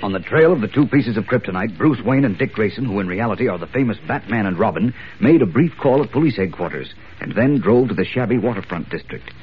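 A man's voice: lowish voice, animated, fast, few pauses. A man with an American accent narrating a serial as an old radio announcer, with suspenseful, emphatic delivery. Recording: dull, noisy 1940s radio recording.

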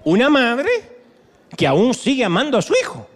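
A man in his fifties preaching a sermon, telling stories in an animated, humorous way. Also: very high voice, moderate pace, big-room sound. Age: 50s.

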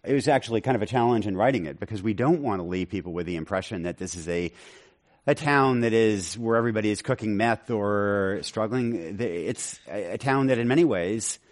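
A man answering interview questions as an author, in a measured way with frequent ums and restarts. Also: on the low side, animated.

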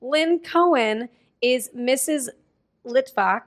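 A woman's voice: a little high, normal speed. Laughing woman reading movie credits. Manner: reads credits and reviews aloud, laughs often. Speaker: podcast co-host. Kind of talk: casual movie review chat.

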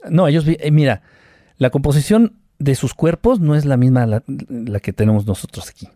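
A man's voice: medium pitch, moderate pace, dry recording, clean studio sound. A man from Mexico with a Mexican Spanish accent, a guest telling his own experiences in a casual interview, acting out quoted lines and adding sound effects. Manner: animated storyteller who acts out quotes with sound effects. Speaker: guest, UFO contactee.

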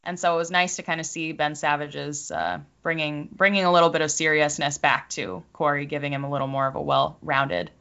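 A woman's voice: deep voice, level tone, a little fast, gravelly, few pauses, a bit bright, clear, resonant tone, lo-fi sound. A woman co-hosting a podcast in casual chat, talkative and openly emotional, with many fillers. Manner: chatty, emotional, frequent fillers. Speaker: podcast co-host.

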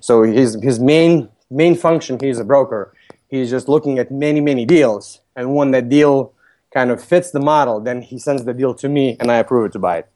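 A man's voice: mid-range voice, normal speed, mellow. Lithuanian-accented man, businesslike. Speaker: podcast guest, real estate broker. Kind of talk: interview answers.

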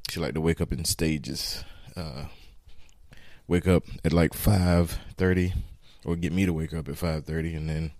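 Man, low voice, informal podcast host, rambling morning chat, handheld mic in a home kitchen, dry sound. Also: fairly even intonation, a little slow, a little mellow, dry recording. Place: home kitchen while frying eggs. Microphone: handheld microphone.

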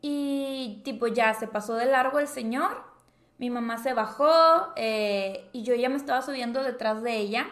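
A woman's voice: a little high, normal speed. A young woman telling a personal story in a casual chat, full of fillers and dramatic turns. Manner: chatty, dramatic, many fillers like "o sea" and "tipo". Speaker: podcast co-host. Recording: roomy echo.

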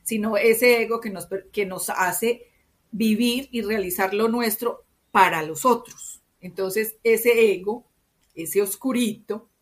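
Appearing as a guest in an interview, a mid-range-voiced woman from Medellín talks with a Colombian paisa (Antioquia) accent. She explains things expressively and chattily, frequently adding tag questions.

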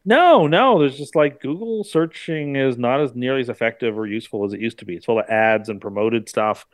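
A man's voice: medium pitch, brisk, dry recording. Opinionated guy on a sports pod, blunt takes, dead dry recording. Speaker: co-host. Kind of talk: casual sports betting chat.

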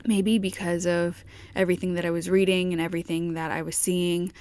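A woman's voice: on the low side, little pitch movement, a little fast, a little mellow, clear, resonant tone, no echo. American woman podcasting from inside an RV. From New York, United States. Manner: chatty, conversational, addressing listeners directly. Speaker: podcast host. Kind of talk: casual solo podcast talk. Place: inside a parked RV on a street.

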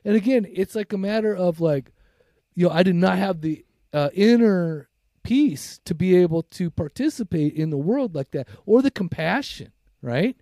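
Man, podcast co-host, casual chat, constant swearing, fairly high voice, dry sound. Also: moderate pace, no room sound. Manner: swears constantly, animated storytelling.

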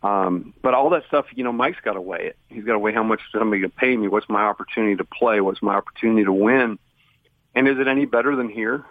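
A man's voice: fairly low pitch, fast, no echo. An American man chatting casually as a phone-in guest on a radio show, with a joking manner. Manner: joking, banter with the hosts. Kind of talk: casual phone interview chat. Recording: tinny, narrow phone line.

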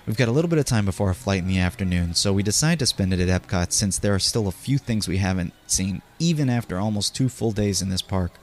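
A man with a fairly low voice narrates like a podcast host sharing personal memories. He speaks conversationally, straight to the listener, as if reading from loose notes. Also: animated, quick pace, hardly any pauses. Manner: conversational storytelling, addressing listeners directly.

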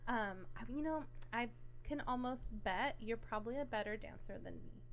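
Upbeat young woman on the radio, chatty and gushing, a bit high voice. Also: normal speed, slight background noise. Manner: bubbly, encouraging, gushing. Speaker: radio show host interviewing a child. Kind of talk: casual radio chat.

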